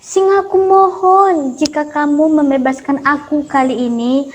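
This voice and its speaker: A woman voicing a frightened little mouse begging for mercy, in a high pleading voice. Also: fairly even intonation, a little slow, darkish tone.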